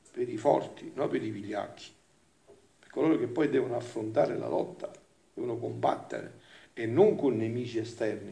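A man preaching a homily in a gravelly voice, in an echoey church room. He keeps asking rhetorical questions and moves between hushed asides and loud, emphatic passages. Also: medium pitch. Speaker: friar preacher. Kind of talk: sermon.

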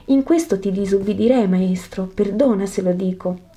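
A poor man just healed speaks in a hushed, halting, earnest way, humble and devoted, read by a woman. The voice is mellow and soft, with slow pauses. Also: mid-range voice, lightly acted. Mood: humble, moved. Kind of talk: scripted reading of a religious narrative.

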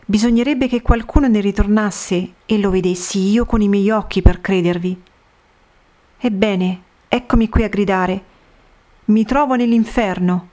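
A woman voicing a young damned female soul, bitter and tormented, in a slow, solemn reading of a religious vision story. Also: mid-range voice, darkish tone, natural voice. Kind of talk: scripted narration of a religious vision.

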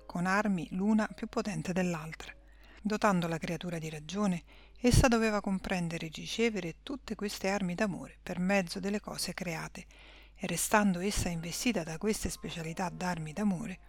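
A woman reading a devotional text aloud in a slow, measured way, some phrases dropping to a whisper. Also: lowish voice. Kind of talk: devout scripture-style reading aloud.

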